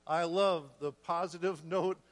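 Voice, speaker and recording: A man preaching a sermon, earnest and a bit short of breath, restarting phrases and clearing his throat. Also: on the high side, steady tone, a little slow, big-room sound. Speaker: guest preacher.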